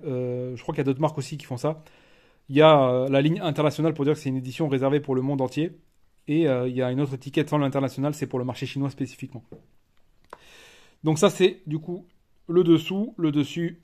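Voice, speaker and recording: Chatty French man unboxing, halting. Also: medium pitch, a little mellow. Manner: chatty, hesitant, many fillers and restarts. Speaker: collector reviewing a disc edition. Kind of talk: casual unboxing commentary.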